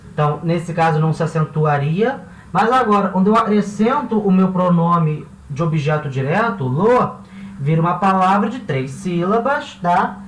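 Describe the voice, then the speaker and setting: A Brazilian man with a high, light voice explains grammar like a classroom teacher, often pausing to check in with "tá?" and "certo?". He sits a little back from the mic in a roomy space, with a faint hiss underneath. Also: a bit bright, distant mic. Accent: Brazilian Portuguese. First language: Portuguese. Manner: slows down to spell out example words. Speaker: Spanish teacher. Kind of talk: classroom-style lesson explanation.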